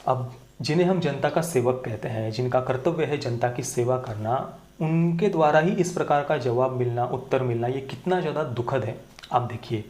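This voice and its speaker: A male video commentator offers earnest opinions to viewers, emphatically repeating his key points. His mid-range voice has a darkish tone and moderate pace. The indoor sound is roomy and echoing.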